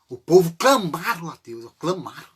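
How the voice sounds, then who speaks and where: A man's voice: a little high, big pitch swings, normal speed, breathy edge. A man from Brazil with a Brazilian Portuguese accent, preaching an informal sermon in a chatty way, with many rhetorical and tag questions, and sometimes acting out desperate cries for help.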